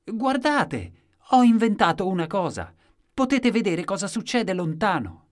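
A man's voice: medium pitch, unhurried, pitched above the performer's own voice, close to an everyday voice. A man voicing an eager, out-of-touch male inventor who keeps blurting out his news in a story reading. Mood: eager, exclaiming. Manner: excited, blurting exclamations.

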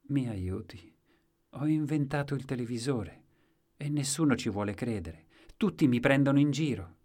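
A man's voice: mid-range voice, moderate pace, pitched above the performer's own voice, close to an everyday voice. A man voicing an eager, out-of-touch male inventor who keeps blurting out his news in a story reading. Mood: dejected. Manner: excited, blurting exclamations.

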